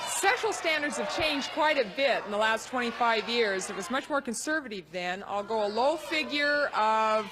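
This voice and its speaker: A woman's voice: on the high side, animated, normal speed, hardly any pauses. A woman contestant on a 1970s television game show, chatty and thoughtful as she reasons out her answers. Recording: archival broadcast with loud audience and noise.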